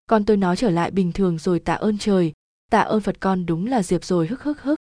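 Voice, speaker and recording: Brief: woman doing a weeping older village mother, mellow tone, close and dry. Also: medium pitch, steady tone, a little fast, no echo, lightly acted. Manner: sobbing and pleading.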